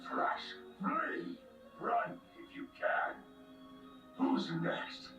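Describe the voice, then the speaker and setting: An actor playing a hungry, savage wolf spirit of death in a game, terse and menacing, with a gravelly, breathy voice. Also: very slow, a bit bright. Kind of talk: scripted game character voice lines. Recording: heavily echoing, distant playback over music.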